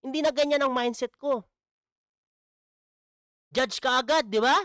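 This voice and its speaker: A man's voice: very high-pitched, unhurried, a bit bright, smooth, no echo, studio quality. A man commenting in a casual vlog, mocking and asking "di ba?" again and again. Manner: mocking, repeats "di ba?". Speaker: vlogger.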